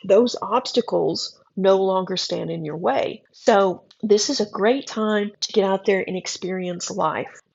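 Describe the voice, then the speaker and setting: A woman's voice: mid-range voice, a little slow, creaky, a little mellow, slightly rough, lo-fi sound. A woman reading a horoscope forecast, chatty and encouraging with a wry edge. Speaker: astrology reader.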